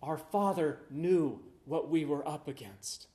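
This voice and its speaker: Male preacher, solemn and emphatic, slightly high voice, echoey room. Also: expressive, warm tone. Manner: slow, solemn and emphatic, with long pauses between phrases. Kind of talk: sermon. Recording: roomy echo.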